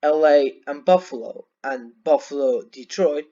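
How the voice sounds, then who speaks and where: A man's voice: a little high, a little slow, highs cut off. A teenage boy from Turkey casually reacting to an aviation video, rambling and correcting himself, a little sleepy. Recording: loud music under the voice. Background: loud music and airplane sounds from the video.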